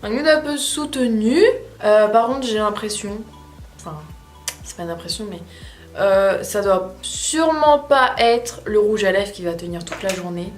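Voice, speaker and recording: A woman talks through a makeup test in a loose, rambling way, often pausing to hesitate. Her voice rings in an echoey room, with faint music underneath. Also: medium pitch. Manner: chatty, rambling, frequent hesitations. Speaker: beauty vlogger. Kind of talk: casual makeup tutorial chat.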